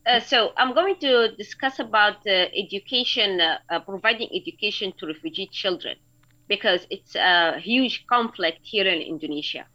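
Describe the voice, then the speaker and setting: A woman from Sudan, a guest writer co-presenting a radio show, with hesitant fillers when chatting and a steady manner when reading. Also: mid-range voice, normal speed. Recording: dull lo-fi remote recording.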